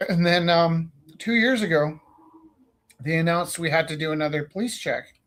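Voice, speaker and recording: This Canadian man, a teacher and stream host, has a fairly high, fairly bright voice at a moderate pace, pitched slightly above the typical male range. He spins a long, winding story full of ums, restarts and the odd casual swear, chatting like a teacher among friends.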